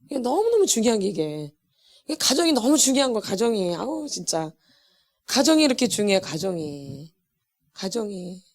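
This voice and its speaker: A middle-aged woman teaching a church healing class, with an animated, emphatic delivery that repeats words for stress and laughs between lines. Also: mid-range voice, normal speed. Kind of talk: church lecture.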